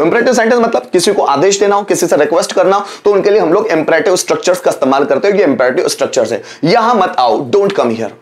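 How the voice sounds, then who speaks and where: A young man teaching a spoken English lesson. He reads example sentences slowly and deliberately, with a sing-song teaching intonation. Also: high voice.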